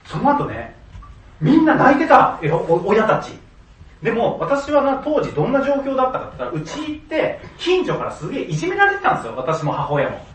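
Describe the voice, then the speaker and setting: Male storyteller, high and very lively, laughs a lot, acts out quotes; off-mic, roomy echo. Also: brisk, recorded from a distance. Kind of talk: storytelling monologue. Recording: echoey room, voice a bit off-mic, faint background noise.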